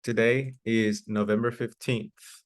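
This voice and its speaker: Guy teaching english class, lowish voice, slow patient explaining, quizzing students. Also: flat delivery. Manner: patient, explains slowly, repeats examples and quizzes students by name.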